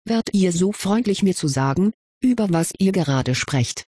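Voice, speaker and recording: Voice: medium pitch, lively intonation, moderate pace, mellow, husky, no room sound. Hot-tempered schoolgirl witch in a storybook, blunt and outspoken, read by the narrator. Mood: indignant. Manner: blunt and indignant. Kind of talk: audiobook reading.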